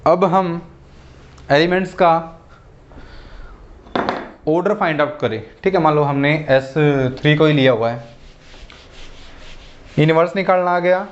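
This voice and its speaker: A man's voice: on the high side, highs cut off. A man giving a math lecture in Hindi mixed with English, walking through examples step by step and checking in with "theek hai" and "okay". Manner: steps through examples, repeats "ठीक है" and "okay".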